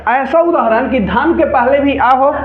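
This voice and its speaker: Bihari hindi teacher guy, really high voice, keeps quizzing the class, tinny echoey sound. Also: measured pace. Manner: constant call-and-response questioning, repeating key sounds. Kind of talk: classroom grammar lecture.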